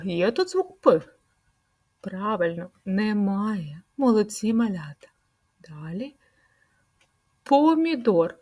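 A woman leading a speech-sound lesson for preschool children, stretching out words in a slow, sing-song way. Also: medium pitch, a little mellow. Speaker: preschool teacher.

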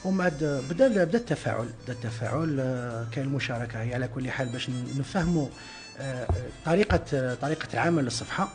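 A man's voice: mid-range voice, lively intonation, quick pace, faint music behind. A man with an Algerian Arabic accent, a guest on a radio interview, explaining at length with many filler sounds and French words mixed in. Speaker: guest, traffic info page team member.

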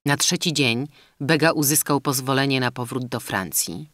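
A man narrates a classic novel at a measured, literary pace. His voice sits at an ordinary middle pitch. The recording is dry and close, with no room sound. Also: a bit bright, dry recording. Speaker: audiobook narrator. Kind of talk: scripted narration.

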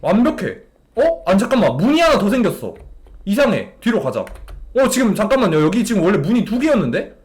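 Exasperated high-voiced male game streamer. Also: very animated, brisk, a little mellow. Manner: exasperated, talks to a game character and chat. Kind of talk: live gameplay commentary to chat.

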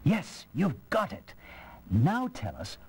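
A hearty judge. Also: male voice, wildly swooping pitch, slow pace, darkish tone, husky, heavily acted. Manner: booming, hearty, formal. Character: jovial English court judge. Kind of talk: video game voice acting.

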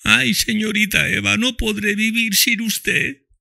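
Male narrator as grief-stricken loyal nanny, high tearful voice, storybook. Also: level tone, a little slow, gravelly, pushed and bright, no room sound, studio quality, heavily acted. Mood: heartbroken. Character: loyal old nanny, heartbroken.

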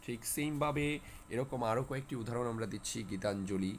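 A man's voice: medium pitch, fairly quick, slight background noise. A man teaching students spelling rules, often repeating key words and asking then answering his own questions. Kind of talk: spelling lesson for exam students.

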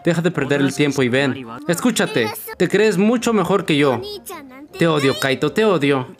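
A sulky young girl queen, as a man voices her. Her voice sits high and snaps at everyone, with loud game music running underneath. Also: animated, moderate pace, close to an everyday voice. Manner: snappy, scornful.

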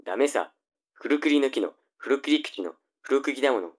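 A man's voice: medium pitch, animated, moderate pace, natural voice. A man playing a nagging, flippant young older brother in a tongue-twister audio drama. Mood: needling.

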